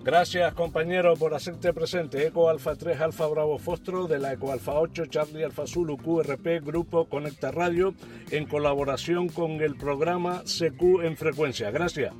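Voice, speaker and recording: A man with a moderately high voice runs amateur radio contacts. He is courteous and formulaic, spelling call signs in phonetic words, with music clearly behind him. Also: steady tone, normal speed, a little mellow. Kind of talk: ham radio calls with phonetic call signs and signal reports.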